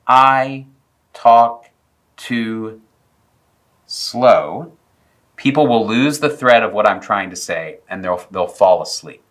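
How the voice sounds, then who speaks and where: A man teaching preaching technique in a video lesson, explaining clearly and demonstrating vocal examples. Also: fairly low pitch, pushed and bright. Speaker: preaching instructor.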